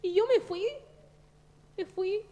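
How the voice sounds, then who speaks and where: A woman's voice: very high-pitched, takes it slowly, warm tone. A Chilean woman in her thirties giving an earnest, confessional testimony at a church service, often addressing listeners as brother.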